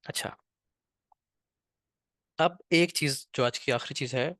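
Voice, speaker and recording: A man's voice: medium pitch, fairly bright tone, no echo, studio quality. Patient man teaching an online trading class. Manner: patient, repeats "ठीक है" often; speaks slowly on purpose.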